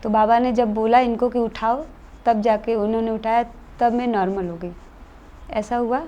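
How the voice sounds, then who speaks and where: Woman recounting her experience in a mellow voice. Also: on the high side, steady tone, normal speed, highs cut off, a little hiss or hum. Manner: earnest, matter-of-fact retelling in plain conversational Hindi. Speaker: guest telling a true experience. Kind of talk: casual interview storytelling.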